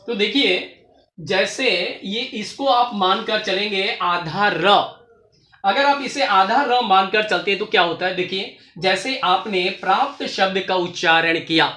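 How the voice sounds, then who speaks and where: A slow, patient teacher talks through a grammar lesson, repeating each rule with examples. The voice is bright and clear. The room is noticeably echoey. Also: mid-range voice. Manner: patient, repetitive, explanatory. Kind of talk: explaining lesson slowly.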